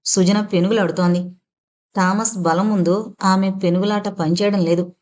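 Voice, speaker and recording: A woman's voice: mid-range voice, steady tone, darkish tone. Woman narrating a dramatic audio novel. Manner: dramatic, measured storytelling.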